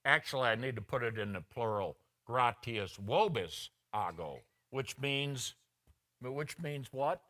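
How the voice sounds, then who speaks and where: A middle-aged male pastor preaching from the pulpit in a slow, unhurried cadence. His tone is bright and forceful, and he tells personal stories, slipping into the voices of the people he quotes. The sermon feels personal and conversational. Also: mid-range voice, expressive. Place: church sanctuary.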